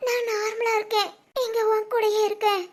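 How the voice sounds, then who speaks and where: A woman acting out a tearful young woman who keeps apologizing and pleading. The voice is squeaky and very high, and it stays weepy throughout. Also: level tone, normal speed, a bit bright.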